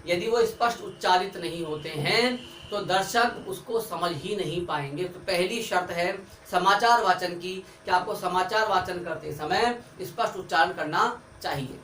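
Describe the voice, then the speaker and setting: High, bright-voiced male teacher. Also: unhurried. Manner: explains step by step, writing on a board as he talks. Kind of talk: online Hindi grammar lesson. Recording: echoey room, far from mic, faint background hiss.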